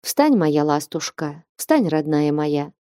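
A dignified old abbess speaks slowly and weighs every word, as a female narrator puts her on. Her voice is low and mellow, and the recording is dry and close. It fits a storybook reading. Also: animated, no room sound. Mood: tender. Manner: slow, grave, measured speech. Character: stern but loving elderly abbess. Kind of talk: audiobook character reading.

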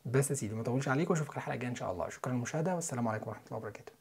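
A young man with an Egyptian Arabic accent, teaching English listening and pronunciation in a quick, chatty way. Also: mid-range voice, animated, vocal fry, husky. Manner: quick, chatty lesson delivery with spelled-out letters and repeated example words.

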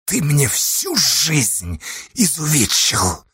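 A man's voice: high voice, very animated, a little slow, creaky, a bit bright, breathy edge, no echo, voice pushed up, full character voice. A man voicing a guilt-ridden young man who answers in bitter, anguished outbursts.

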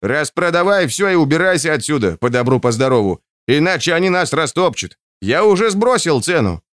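A man voicing a nervous male market vendor who urges his neighbor in a raised, hurried voice. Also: a little high, very animated, fairly bright tone, dry recording, studio quality, voice pushed up. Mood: urgent.

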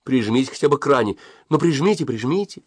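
A man's voice: medium pitch, expressive, quick pace, breathy edge, no echo, studio quality, voice pushed up. A man voicing a pleading, tearful mother. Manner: pleading, flustered. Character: anxious tearful mother, woman in her thirties.

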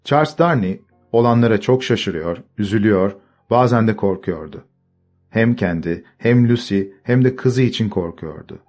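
A man calmly narrating a storybook and voicing its characters. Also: on the low side, normal speed, faint music behind. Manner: calm, steady reading, voicing characters. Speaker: audiobook narrator.

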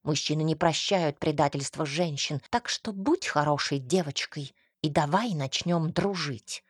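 A woman's voice: low-pitched, measured pace, slightly rough, no echo, clean studio sound, voice pushed down. A woman voicing a menacing, obsessive young man in an audiobook, speaking in a sugary, venomous, threatening tone. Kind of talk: audiobook character reading.

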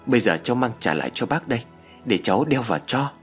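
A man's voice: mid-range voice, sing-song, quick pace, faint music behind, lightly acted. A man voicing a polite, soothing young female nurse in a spoken ghost story.

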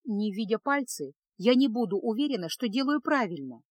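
A woman's voice: a little high, sing-song, normal speed, no echo. A woman voicing an impulsive young witch apprentice. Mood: sulky.

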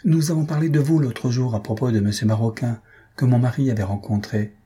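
A husky-voiced man reading aloud, voicing a scheming, self-important middle-aged mother in a storybook. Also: medium pitch, steady tone, fairly quick, mellow. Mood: self-satisfied.

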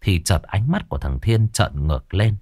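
A man's voice: low-pitched, animated, moderate pace, darkish tone, breathy edge, dry recording, clean studio sound. A man narrating a ghost story in a crude, colloquial way.

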